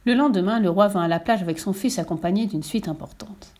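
Woman narrator, storybook read-aloud, steady and expressive. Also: mid-range voice, brisk. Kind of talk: storybook reading.

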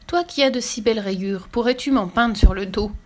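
A woman's voice: fairly high pitch, moderate pace, close to an everyday voice. A woman voicing an eager little male zebra foal in a read-aloud storybook, speaking in an earnest, pleading way.

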